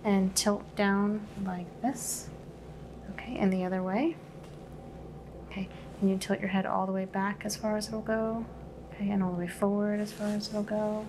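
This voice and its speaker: Soft-spoken woman giving ASMR exam, creaky voice. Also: mid-range voice, normal speed, noisy background. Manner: calm, gently instructing, explaining each step. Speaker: medical examiner giving a physical exam.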